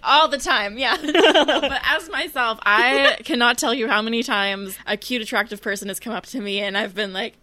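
A woman's voice: fairly high pitch, normal speed, hardly any pauses, pushed and bright, dry recording. A young woman hosting a podcast, chatting playfully and laughing often. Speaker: podcast host. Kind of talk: casual chat.

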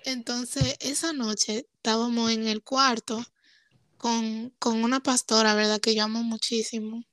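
A young woman speaks openly and with feeling as a podcast guest. Her voice sits fairly high and the sound is close and dry. She mixes in English phrases now and then. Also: little pitch movement, unhurried, fairly bright tone, dry recording. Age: young adult. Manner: emotional, candid, switches into English phrases. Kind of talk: casual conversation.

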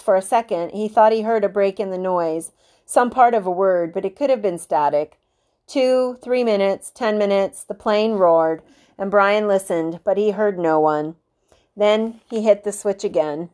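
A woman teacher reading a novel aloud, expressive, slowing for dramatic moments. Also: medium pitch. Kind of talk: storybook read-aloud.

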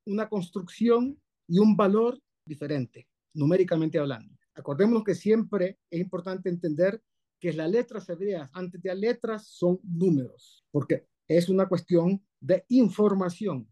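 A man's voice: sits high, measured pace, warm tone, dull audio. A man with a Colombian Spanish accent teaching a class as a rabbi, emphatic, repeating and exaggerating sounds to demonstrate them and checking that his students follow. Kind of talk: spoken class, explaining pronunciation.

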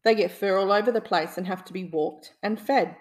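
A woman's voice: mid-range voice, brisk, far from the mic, lightly acted. A fussy grown-up cartoon duck uncle, read by a woman in a bedtime storybook. He grumbles and objects before giving in reluctantly. The voice stays close to an ordinary reading voice. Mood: grumbling.

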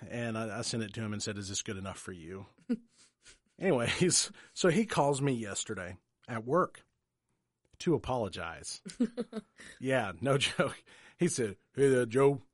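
A man, co-hosting a podcast as casual chat and telling animated stories that quote other people, laughing often. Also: mid-range voice, no echo, clean studio sound. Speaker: podcast co-host.

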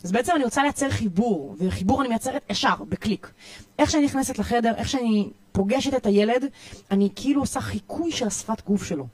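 Woman, Israeli accent, youth coach, energetic, emphatic lists, dry close sound. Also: fairly high pitch, no room sound. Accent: Israeli Hebrew. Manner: energetic, repetitive, emphatic listing. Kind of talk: podcast interview, giving parenting tips.

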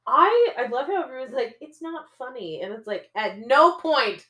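A woman co-hosting a podcast in casual chat, animated and laughing often. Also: sits high, moderate pace, echoey room. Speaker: podcast co-host.

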